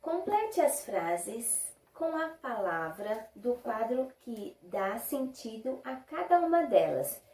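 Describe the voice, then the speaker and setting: A Brazilian woman teaching young children, stretching out each word slowly so they can hear every sound. Her voice sits fairly high but sounds mellow and soft, and the room around her echoes. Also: big pitch swings. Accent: Brazilian Portuguese. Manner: slow, drawn-out syllables when modelling words; patient, checks understanding with short questions. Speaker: primary school teacher. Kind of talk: recorded Portuguese lesson for young children.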